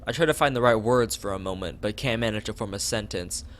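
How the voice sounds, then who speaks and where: This young man has a fairly low voice and talks quickly, with a little hiss or hum in the recording. On a casual stream he reads a visual novel's text aloud, rambling into asides and fumbling his lines.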